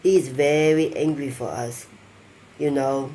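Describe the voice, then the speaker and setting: Slow, halting male storyteller. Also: mid-range voice, steady tone, warm tone, a little hiss or hum. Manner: halting, rambling, non-native phrasing. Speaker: narrator of a mock documentary. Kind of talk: improvised storytelling narration.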